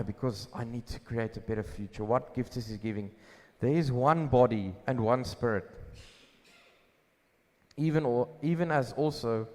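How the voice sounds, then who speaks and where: A pastor preaching a sermon at a pulpit microphone, asking questions and answering them himself with emphasis. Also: male voice, medium pitch. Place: church hall. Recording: long hall reverb.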